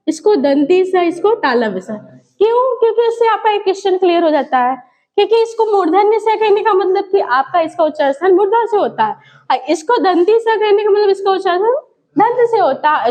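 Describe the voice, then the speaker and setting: A woman's voice: very high-pitched, darkish tone. A woman. She poses questions and answers them herself, drilling key words again and again. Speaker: Hindi grammar teacher. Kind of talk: classroom lesson.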